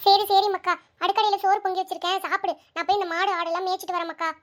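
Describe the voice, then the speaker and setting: A woman voicing a caring, hurried village mother who speaks. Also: extremely high pitch, flat delivery. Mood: fond. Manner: fond, soothing village speech.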